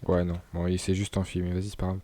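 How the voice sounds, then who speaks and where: Young gamer guy, lowish mellow voice, relaxed chatty commentary with laughs. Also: fast talker, a little hiss or hum. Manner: chatty, laughs and stumbles over words. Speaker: gaming YouTuber. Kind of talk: casual gameplay commentary.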